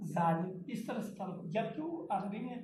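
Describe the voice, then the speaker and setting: A pronunciation teacher delivers a lecture at a middling pitch, voicing each letter sound several times and setting it against its variants. The recording has a roomy echo. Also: sing-song, darkish tone, a little hiss or hum. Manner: repeats and contrasts letter sounds slowly, demonstrating each one. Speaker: tajweed teacher. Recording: echoey room.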